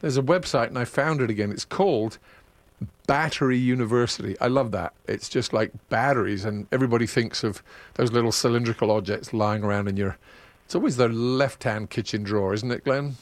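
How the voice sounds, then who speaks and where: A man's voice: medium pitch, a little fast, no room sound. A man hosting a casual radio chat, talking in a chatty, digressive way and laughing at his own asides. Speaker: radio host.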